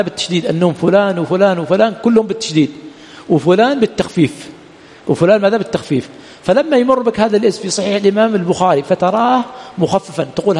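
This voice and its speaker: A man delivers a brisk classroom lecture in a high, quick voice. He keeps prompting with rhetorical questions and answering them himself, repeating the key terms. The sound carries a long reverb from the lecture hall. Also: a little mellow. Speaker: Islamic studies teacher. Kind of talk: classroom lecture on hadith science. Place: lecture hall of an Islamic studies center.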